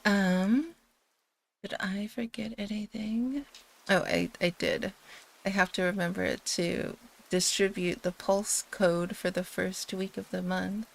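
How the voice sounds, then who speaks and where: A livestream host who has only just woken up chats loosely before a bedtime reading, rambling, giggly and full of fillers. She speaks slowly with vocal fry in a medium-pitched, fairly even voice, captured in low-quality audio.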